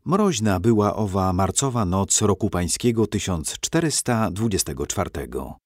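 A man narrating a storybook in a measured, expressive reading. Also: low voice, no room sound, clean studio sound.

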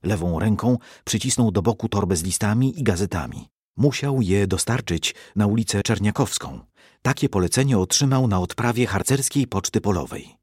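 Male storybook narrator, expressive, dry close sound. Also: lowish voice, normal speed, breathy edge, dry recording.

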